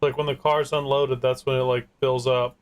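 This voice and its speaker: A man's voice: mid-range voice, level tone, normal speed. A man playing along on voice chat, chatting in an easygoing way about the game. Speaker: co-player on voice chat. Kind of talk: casual gameplay chat.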